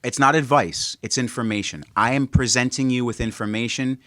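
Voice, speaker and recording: A man's voice: medium pitch, a little fast, bright, forceful tone, no room sound, clean studio sound. A man co-hosting a podcast in casual chat, making his points with emphatic repetition. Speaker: podcast co-host.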